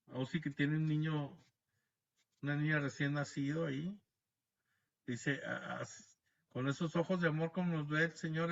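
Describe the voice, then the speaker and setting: A man's voice: fairly high pitch, a bit bright, muffled recording. A man teaching a Bible class over a video call, explaining patiently and often checking in with his listeners. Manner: explanatory, frequent tag questions, restarts words.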